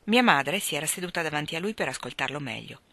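A woman reading a novel aloud, narrating in a clear, expressive storytelling manner. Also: sits low, fast talker, no room sound. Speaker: audiobook reader.

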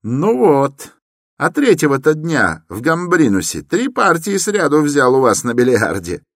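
A man reading an audiobook, voicing an eager, excitable young law student who talks urgently and insistently. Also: fairly high pitch, unhurried, dry recording, clean studio sound, voice pushed up, exaggerated voice. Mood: excited.

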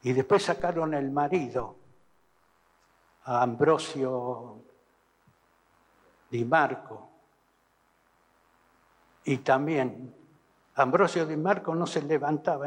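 Husky Argentine man testifying in hall. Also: medium pitch. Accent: Argentine Spanish. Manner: halting, repeats and restarts, vivid retelling. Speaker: witness giving testimony. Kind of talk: recounting testimony. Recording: archive recording in an echoey hall.

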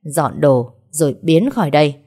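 A woman's voice: deep voice, expressive, moderate pace, darkish tone. A woman voicing a young male company boss who speaks in clipped, menacing lines. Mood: cold.

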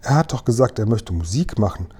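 Ein Mann, der eine würdevolle, höfliche ältere Königin spricht, gemessen und vornehm. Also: male voice, lowish voice, big pitch swings, fairly quick, dark tone, a little hiss or hum. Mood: gracious. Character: dignified elderly queen, polite and proper.

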